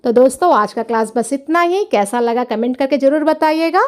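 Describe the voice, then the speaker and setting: A high-pitched woman gives a language lesson. She says each phrase slowly and clearly, then repeats it. She explains each point with patience. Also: a little mellow. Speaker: language teacher. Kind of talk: slow, careful language lesson.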